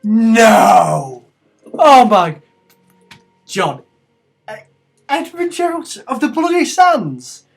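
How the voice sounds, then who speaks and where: A gruff city guard, as a man puts him on, polite on the surface and suspicious underneath. He speaks in a raised, clipped and bureaucratic tone, with a pitch that sits a little high. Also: moderate pace, faint music behind, close to an everyday voice. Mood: shocked. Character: gruff male city gate guard, officious.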